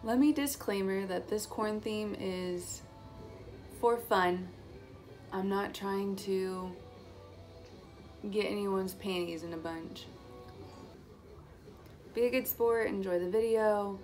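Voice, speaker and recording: A woman's voice: mid-range voice, steady tone, takes it slowly, pauses often, darkish tone, soft background music. A woman in her twenties, a mom, chatting casually to camera in a light, self-mocking vlog. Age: 20s. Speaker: vlogger and mom.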